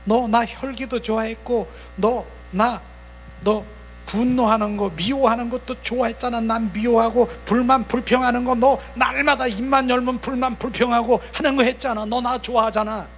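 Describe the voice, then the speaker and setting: A man's voice: sits high, steady tone, moderate pace, soft background music, pitched above the performer's own voice. A male preacher voicing whining evil spirits that plead to stay inside a believer. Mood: wheedling. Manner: wheedling, pleading, then sulking.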